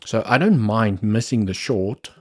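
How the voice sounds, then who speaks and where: This South African host, an Afrikaans first-language speaker, runs a live trading stream and talks through the charts with muttered asides. His fairly low voice is expressive and unhurried. Soft background music accompanies the live market commentary.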